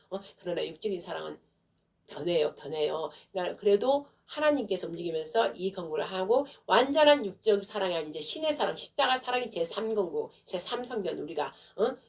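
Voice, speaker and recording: Gravelly fervent woman pastor preaching. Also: fairly low pitch, far from the mic. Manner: fervent, rising into wailing prayer. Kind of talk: impassioned sermon.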